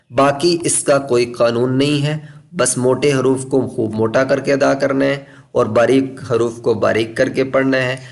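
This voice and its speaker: A male Quran teacher with a medium-pitched voice talks through a lesson one careful step at a time. He repeats each key point and stretches letter names out slowly when he shows how they should sound. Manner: patient, deliberate explanations, repeating key points.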